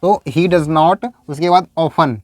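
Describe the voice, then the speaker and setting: A man teaching English in a video lecture, explaining step by step and saying example sentences slowly. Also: on the high side, dry recording, clean studio sound.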